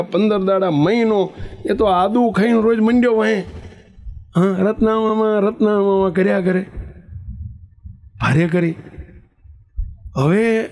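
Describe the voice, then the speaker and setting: A man telling a story in a sermon, acting out the characters' calls. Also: sits high. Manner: animated storyteller, acts out shouting characters. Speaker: preacher.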